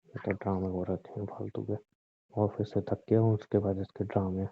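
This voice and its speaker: A man's voice: on the low side, flat delivery, normal speed, gravelly, husky, no echo. A young man in a scripted comedic skit, playing an exasperated husband who grumbles and teases. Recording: tinny phone-call audio.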